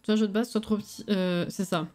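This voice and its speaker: A woman's voice: mid-range voice, fairly even intonation, brisk, mellow. A tired woman with a lisp with slushy s sounds, thinking aloud in casual, colloquial live-stream commentary. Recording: voice over background music. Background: music.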